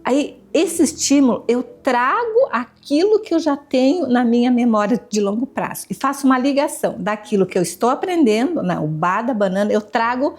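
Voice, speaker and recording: A woman's voice: a little high, expressive, normal speed, few pauses, a little mellow. A woman educator, a guest in an interview, explaining her method in a patient, teacherly way and repeating examples.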